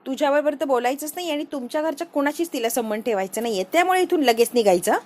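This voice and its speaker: A woman's voice: sits high, expressive, racing, darkish tone. A woman doing a brusque stern older father. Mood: ordering. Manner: brusque, ordering.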